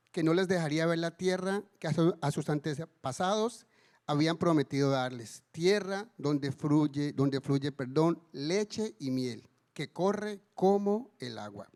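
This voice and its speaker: A man's voice: a little high, darkish tone. A man preaching a sermon in a church, telling stories and acting out the voices of the people in them. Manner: tells a story and acts out voices in raised cries.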